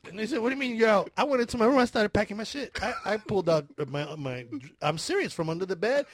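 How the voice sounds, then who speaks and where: A high-voiced man with a wildly swinging pitch, telling a story in a loose chat full of laughter and swearing. He jumps into the voices of the people he describes. The sound is dry and close. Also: quick pace, no echo. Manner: animated, laughing, profane, acts out his own screams.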